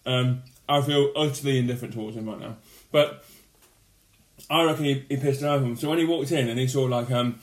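A man co-hosting a podcast in casual chat, laughing often and breaking into loud comic impressions. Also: medium pitch, brisk, roomy sound. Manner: laughing, launches into loud put-on voices. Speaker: podcast co-host. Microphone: podcast microphone.

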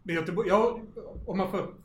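A man co-hosting an informal interview, chatting casually and putting questions to a guest. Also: sits high. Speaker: interview co-host. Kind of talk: casual chat. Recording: roomy echo with faint background noise.

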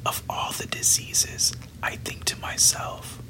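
A podcast host reading a novel aloud entirely in a hushed, unvoiced whisper, delivering the passages evenly. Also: low-quality recording. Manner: slow, hushed, even delivery of book passages.

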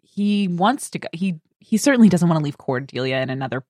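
Animated woman podcast co-host. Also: fairly low pitch, no room sound, clean studio sound. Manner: animated, quick to act out quotes. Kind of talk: casual chat.

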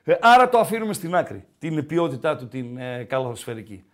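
A podcast host with a high voice trades jokey, animated banter in a casual sports chat.

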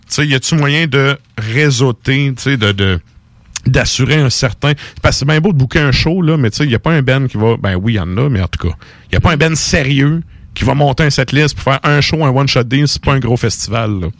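A man with a Québécois accent chats casually as a podcast co-host, spinning animated, rambling stories. His voice sits mid-height and is recorded dry and close. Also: medium pitch, fairly quick, dry recording. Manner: animated, colloquial storytelling with frequent fillers. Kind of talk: casual chat.

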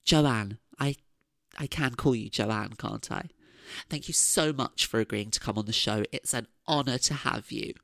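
A woman's voice: a bass voice, unhurried, creaky, fairly bright tone, dry recording, studio quality, full character voice. A woman playing a polite, gushing radio chat show presenter in a comedy parody.

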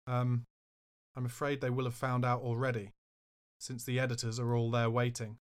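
A man's voice: mid-range voice, monotone, normal speed, smooth, natural voice. A man voicing a meek, apologetic middle-aged male minister in an audiobook memoir, with hesitant replies.

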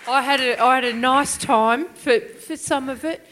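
An Australian woman comedian telling a story on a live panel, halting and self-deprecating. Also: high-pitched, a crowd in the background. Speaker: comedian guest.

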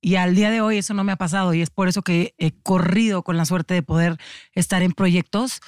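A woman's voice: lowish voice, steady tone, fairly quick, darkish tone, dry recording, clean studio sound. A young adult woman with a northern Mexican accent, an actress chatting animatedly as a guest in an interview. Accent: northern Mexican (Monterrey). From Monterrey, Mexico. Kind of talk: casual interview chat.

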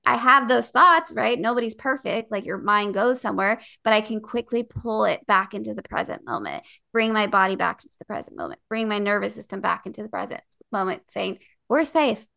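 A woman co-hosting a podcast in casual chat, animated, acting out her own inner thoughts and leaning on "like" as a filler. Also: mid-range voice, a little fast, creaky. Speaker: podcast co-host.

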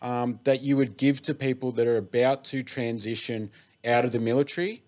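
An Australian man hosting a podcast in a casual interview chat, phrasing his points in a measured, slightly hesitant way. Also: mid-range voice, darkish tone. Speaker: podcast host.

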